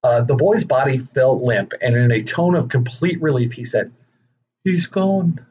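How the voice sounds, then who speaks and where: A man's voice: medium pitch, expressive, normal speed, darkish tone, slightly rough. Profane jokey young man telling stories. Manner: profane, jokey asides, frequent laughs. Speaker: podcast host. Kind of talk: casual comedic storytelling. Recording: dull lo-fi recording with faint noise.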